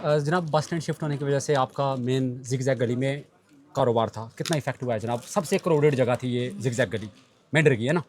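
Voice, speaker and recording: A man's voice: mid-range voice, fairly quick, a little mellow. A man reporting from an outdoor market lane and interviewing shopkeepers, with earnest appeals to viewers. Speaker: street reporter.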